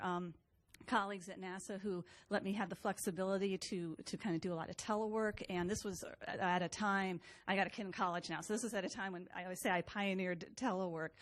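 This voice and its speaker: A woman's voice: medium pitch, fairly even intonation, a little fast. Chatty middle-aged woman scientist. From Los Angeles area, USA. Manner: chatty, laughing, self-deprecating. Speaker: NASA scientist on a panel. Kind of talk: panel talk, personal story.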